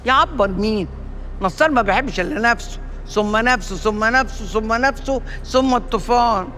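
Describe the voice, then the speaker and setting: An actress playing a fierce, sharp-tongued older matriarch in an Egyptian TV drama, speaking with an Egyptian accent. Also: female voice, on the high side, brisk, a little hiss or hum, natural voice. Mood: scornful. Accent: Egyptian Arabic. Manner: sharp, mocking, threatening.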